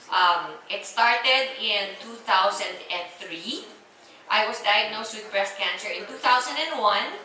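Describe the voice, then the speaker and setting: A woman's voice: medium pitch, unhurried, sharp tone, a little hiss or hum. A woman in her forties with a Filipino accent, giving a live product presentation to an audience in a chatty, teasing way and keeping them answering her questions. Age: 40s. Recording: echoey hall, voice from far off, faint ambience.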